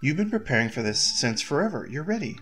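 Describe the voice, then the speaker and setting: An anxious young royal heir talking herself down from panic, repeating calming words over and over, as a man reads her lines a little higher than his own voice. She sounds tense and quick, a video-game princess on edge. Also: loud music behind the voice. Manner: frets aloud, repeats reassurances to herself. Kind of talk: reading game dialogue aloud.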